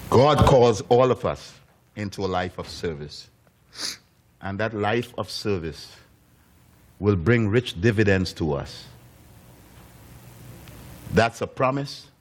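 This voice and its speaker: A man preaching a sermon in a church, telling a story with animated delivery and acting out the voices of its characters. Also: low-pitched. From United States. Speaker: pastor.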